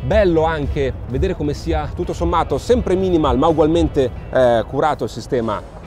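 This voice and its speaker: A fairly high-voiced man in his thirties gives an upbeat car show walkaround in a large indoor exhibition hall. He talks fluently but leans on drawn-out "eh" fillers between phrases, with faint music playing behind him. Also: a little mellow. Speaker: motoring presenter.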